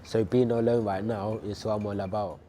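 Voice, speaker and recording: A young man performing spoken word poetry in a quiet, introspective recitation. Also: lowish voice, level tone, fairly quick, a little hiss or hum. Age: young adult.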